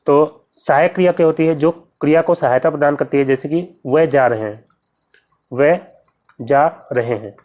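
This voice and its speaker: A teacher giving an exam-prep lesson, reading each question and its options aloud, then explaining the answer step by step and repeating key terms slowly. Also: mid-range voice, darkish tone.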